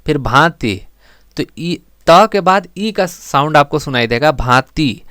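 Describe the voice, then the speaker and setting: A man teaching an exam-prep grammar lesson, explaining step by step and repeating words slowly for emphasis. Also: fairly high pitch, lively intonation, fairly bright tone, clear, resonant tone, dry recording, clean studio sound.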